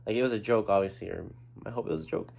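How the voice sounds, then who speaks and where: A man's voice: on the low side, racing, creaky, darkish tone. A young man talking to camera about his own feelings, earnest and rambling, with restarts and casual swearing. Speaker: vlogger. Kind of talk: personal talk to camera.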